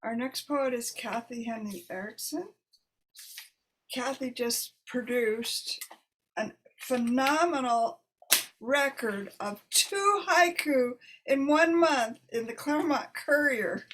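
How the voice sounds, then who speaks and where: Over a video call, a woman with a high-pitched voice slowly and conversationally hosts an online poetry reading, introducing the poets in a casual way. The call audio is noisy and punctuated by clicks.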